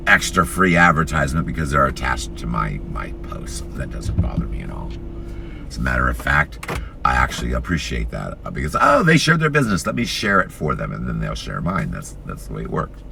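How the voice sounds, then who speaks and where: A man's voice: very deep voice, vocal fry, sharp tone. A man in his fifties hosting a live stream, chatting casually and at length from inside a car. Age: 50s. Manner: rambling, chatty, frequent laughs. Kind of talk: casual vlog chat while driving. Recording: noisy car interior.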